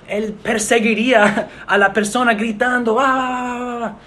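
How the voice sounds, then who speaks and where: Male pastor, high pitch, steady earnest sermon delivery. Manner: measured, earnest preaching with pauses.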